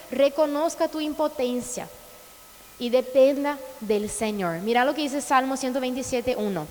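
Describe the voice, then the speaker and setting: A woman's voice: sits high, fairly bright tone, big-room sound, poor audio. A woman pastor from Brazil preaching a sermon, passionate and full of rhetorical questions.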